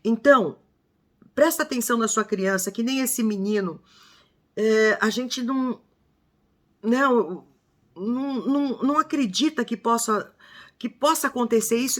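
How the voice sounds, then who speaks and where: Older lady vlogging, bright ringing voice, emphatic, acts out what people say. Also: on the high side, a little slow. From Brazil. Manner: emphatic, acts out quoted speech. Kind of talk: casual monologue to viewers.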